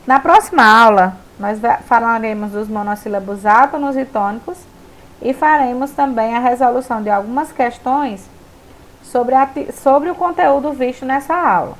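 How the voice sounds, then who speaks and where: A woman's voice: on the high side, moderate pace. A young woman teaching a recorded remote school lesson, explaining step by step and checking in with her students.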